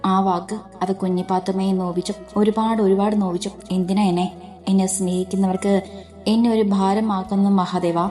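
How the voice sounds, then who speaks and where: A woman's voice: mid-range voice, flat delivery, normal speed, dark tone, faint music behind, close to an everyday voice. A woman voicing a hurt, tender young wife in a spoken story, with pained questions.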